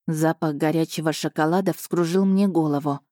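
A woman narrating a first-person romance novel in a steady, expressive reading style. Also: low-pitched, normal speed, dry recording, clean studio sound. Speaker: audiobook narrator.

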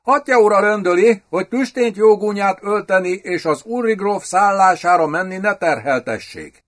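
A man's voice: sits high, expressive, pitched above the performer's own voice. A man voicing an anxious court clerk in an audiobook, who speaks in stiff, old-fashioned formal phrases. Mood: flustered. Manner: anxious, archaic formal speech. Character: flustered young court clerk. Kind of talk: audiobook character voice.

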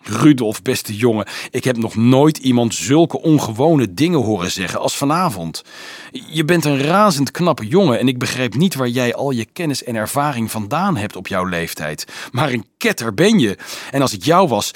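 A man voicing a worldly young male student who speaks softly and wryly, in a husky voice. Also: medium pitch, very animated, moderate pace, no room sound, studio quality, voice pushed up. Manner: soft-spoken, wry, mildly lecturing.

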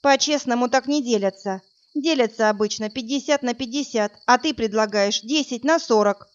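A woman's voice: fairly high pitch, normal speed, muffled recording, close to an everyday voice. A woman reading a frightened, defiant captive woman. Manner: pleading then sharp, tense.

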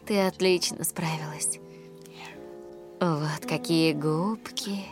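A woman's voice: low-pitched, takes it slowly. A woman playing a tender, anxious mother in a film drama, soothing a child and slipping into whispers. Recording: film soundtrack with music behind.

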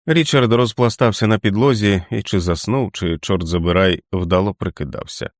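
A man with a very deep voice reads a novel aloud in a measured, expressive way. The recording is dry and close-miked, with no room sound. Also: no echo. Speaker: audiobook narrator. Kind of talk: scripted audiobook narration.

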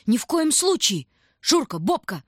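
A frantic young girl crying out high and loud through tears, as a woman voices her. The voice is a little husky, and the sound is dry. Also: very animated, measured pace, no room sound, heavily acted. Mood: desperate. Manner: shrill, crying out. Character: desperate, tearful young girl, older sister.

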